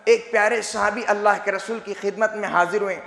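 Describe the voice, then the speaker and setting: A young man preaching a Friday sermon in a mosque, impassioned and rising often into shouts. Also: sits high, fairly even intonation, a little fast, gravelly. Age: young adult. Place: mosque hall. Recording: echoey hall reverb.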